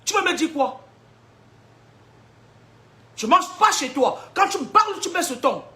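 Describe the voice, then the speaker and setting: Woman seer, high voice, combative preaching, rhetorical questions, laughs between points. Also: very animated, unhurried, sharp tone. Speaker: spiritual seer giving prophecies. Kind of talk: preaching spiritual warnings to an audience.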